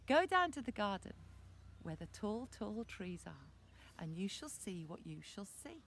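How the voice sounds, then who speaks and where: A woman voicing a calm, knowing mother in a hushed tone. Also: fairly high pitch, normal speed, a little hiss or hum.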